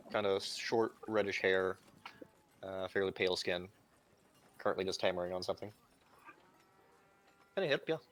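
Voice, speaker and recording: A man with a lowish voice running a tabletop game. He explains rules and describes scenes casually, pausing with fillers. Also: fairly bright tone. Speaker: game master.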